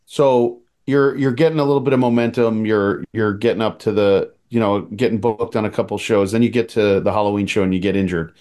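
A man co-hosting a podcast, asking interview questions haltingly with many fillers. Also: lowish voice, steady tone, darkish tone. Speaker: podcast co-host. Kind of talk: casual interview.

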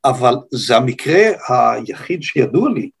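This older man from Israel, raised on a kibbutz, recounts history off the cuff as a guest. His Israeli-accented voice is mid-range, slightly husky and expressive, and his phrasing comes out halting and deliberate.

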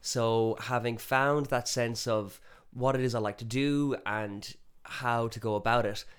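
A man from Galway with a west of Ireland accent, speaking in a middling pitch. He chats casually as an interview guest, telling his story with enthusiasm and local turns of phrase. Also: fairly even intonation, measured pace, clean tone. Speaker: interview guest, musician and performance poet.

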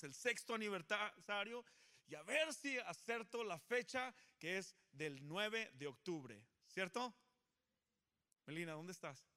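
High, bright-voiced pastor preaching. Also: male voice. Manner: animated, joking, coaxing the crowd. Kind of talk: lively sermon with congregation call-and-response. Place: church service before a congregation.

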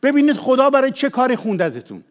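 An older man with a Persian accent, a pastor preaching a sermon, shifting between emphatic raised passages and quiet confessional asides. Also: very high-pitched, sing-song. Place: church, at the pulpit.

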